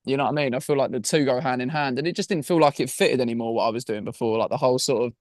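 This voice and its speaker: A man's voice: medium pitch, very fast, dry recording, studio quality. A man with a broad Essex, Estuary English accent chatting casually in an interview, slangy and chatty, often tagging on "man" and "you know what I mean". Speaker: rock band singer-guitarist and songwriter, interview guest. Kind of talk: casual chat.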